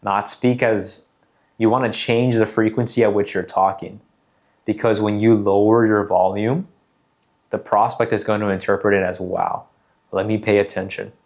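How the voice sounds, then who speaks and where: A man coaching on sales calls in a measured, deliberate way, repeating key phrases for emphasis. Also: lowish voice, fairly even intonation. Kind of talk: instructional talk.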